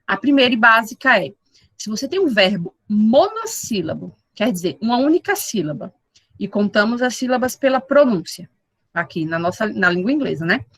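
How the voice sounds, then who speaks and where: A woman teaching an English class online, with slow explanations, repeated model words and frequent checks with her students. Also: a little high, husky, dry recording, poor audio. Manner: checks in with the class often with tag questions.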